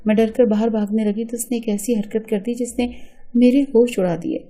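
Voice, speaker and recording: A woman's voice: on the high side, flat delivery, dark tone. A woman narrating an emotional first-person story in an earnest storytelling manner.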